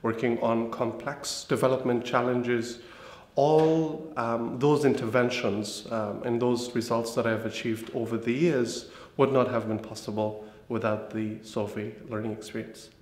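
A man's voice: mid-range voice, steady tone, measured pace, a little mellow. Formal man from Afghanistan, reverberant room. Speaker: development professional, program alumnus. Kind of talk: interview answers. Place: indoor room with shuttered window. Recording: echoey room with long reverb.

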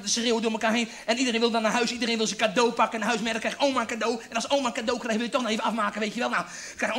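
Manic high-voiced male stand-up comic. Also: fairly bright tone. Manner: manic, rambling, crude. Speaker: stand-up comedian. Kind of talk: live stand-up storytelling. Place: theatre stage before an audience. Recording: live show with audience laughter.

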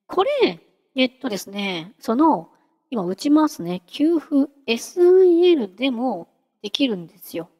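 A woman hosting a casual software tutorial, chatty and giggly, talking her way through a live demo. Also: high voice, big pitch swings, measured pace, long reverb tail. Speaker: VTuber host teaching singing-synth software.

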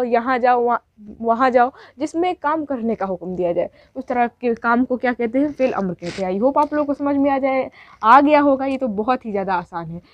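A woman's voice: high-pitched, dry recording. A woman teacher giving a grammar lesson, asking questions and answering them herself, with lots of repetition. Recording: dull, dry lo-fi sound.

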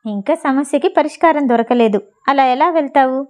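A woman voicing a smug, rich young man who stays calm and teases in a lower, softer tone. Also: normal speed, natural voice. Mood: insistent.

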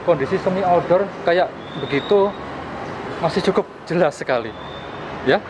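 A young man with a slightly high voice and lively intonation talks at a normal speed. He's a gadget vlogger casually walking through open plazas, a park and the street while explaining a field test, repeating himself as he goes. His camera is held at arm's length and picks up noisy street and park ambience.

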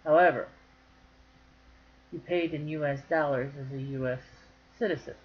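A woman's voice: low-pitched, fairly even intonation, moderate pace. Woman, crochet vlogger, casual chat to camera, folksy, joking, slightly dull lo-fi recording. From northern Michigan.

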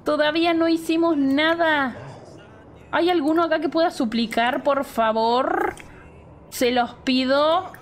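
A woman's voice: sits high, measured pace. A young woman with a Rioplatense Spanish accent, animatedly commentating her life-simulation gameplay, often laughing and exclaiming. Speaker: Sims let's play host.

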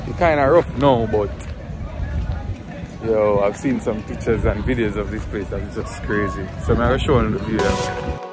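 A young Jamaican travel vlogger with a Jamaican accent chats casually into a phone held at arm's length as he tours a river and seaside park outdoors, upbeat, talkative and sometimes breaking into song. His voice is on the low side at a moderate pace, captured as outdoor phone audio under loud music.

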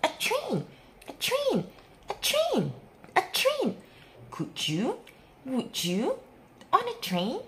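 Female children's storyteller, hugely swooping intonation, unhurried sing-song read-aloud, slight background noise. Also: high-pitched, huge pitch swings, a bit bright. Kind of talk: expressive read-aloud of a rhyming picture book for young children.

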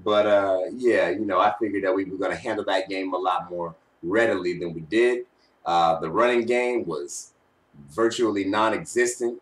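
A man's voice: sits low, normal speed. Young man, slangy sports talk, slightly distant mic. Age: young adult. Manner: slangy, teasing trash talk. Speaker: sports fan vlogger. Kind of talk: casual postgame commentary. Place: small bedroom, indoors. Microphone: webcam at arm's length.

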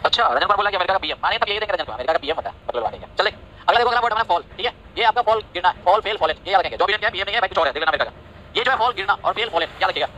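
A man with a high-pitched, expressive voice that sounds pushed and bright teaches English vocabulary in a live online class in Hindi and English. He talks quickly, constantly checking understanding with repeated "ठीक है?" and "समझे?", and scolds and teases students by name. The rough recording carries a little hiss or hum.

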